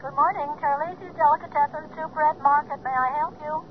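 An actress playing a brisk, polite delicatessen clerk in a radio drama, through a telephone filter. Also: female voice, sits high, steady tone. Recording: tinny phone line, faint noise.

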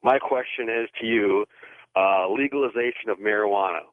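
A man's voice: on the low side, moderate pace, dry recording. A male caller to a radio show, eager and enthusiastic as he asks his question. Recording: tinny phone line.

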